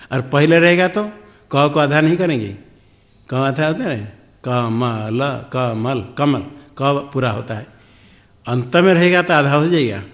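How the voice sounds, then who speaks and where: A swami giving a spiritual discourse on the Upanishads, explaining slowly and repeating words to drill Sanskrit pronunciation, with chanted Sanskrit verses in between. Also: male voice, mid-range voice.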